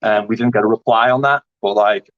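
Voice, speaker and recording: A man's voice: fairly low pitch, steady tone, brisk, dry recording. A man, chatting casually in an interview about his grappling, rambling with lots of fillers and restarts. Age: 30s. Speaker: grappling competitor. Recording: dry, dull lo-fi audio.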